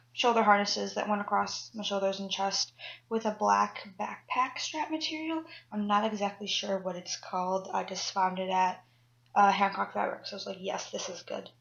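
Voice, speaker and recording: A woman's voice: mid-range voice, creaky, a bit bright, highs cut off. A woman cosplay vlogger talking through a costume build in a chatty, rambling way, mocking herself and swearing casually. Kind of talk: casual chat and voiceover tutorial.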